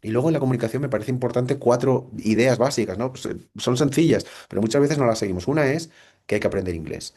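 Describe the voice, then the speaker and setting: Fast and mid-range with a darkish tone, the voice comes from a middle-aged man from Spain who speaks with a Spanish accent. He's recording a reflective lecture on his computer's mic, asking rhetorical questions and frequently restarting.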